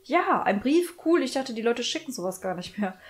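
A woman's voice: a little high, sing-song, normal speed, pitched above the performer's own voice. A woman voicing a cheerful, smug young man in a game, reading his lines in a perky, laughing way. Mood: chipper.

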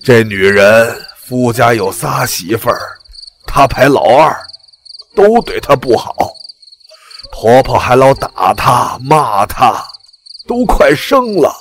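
A man voicing a blunt, plain-spoken village father telling an old secret in an audiobook, slow and homely. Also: mid-range voice, sing-song, a bit bright, a little hiss or hum. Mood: confessing. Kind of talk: audiobook character reading.

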